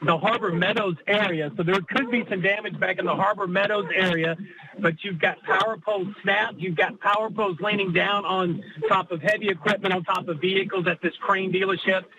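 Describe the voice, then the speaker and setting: Noisy muffled phone call, male field reporter, higher voice, live roadside storm report, halting delivery. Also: steady tone. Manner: halting, hesitant delivery as he gets his bearings. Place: roadside at a storm-damage scene. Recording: dull lo-fi phone line, loud noise.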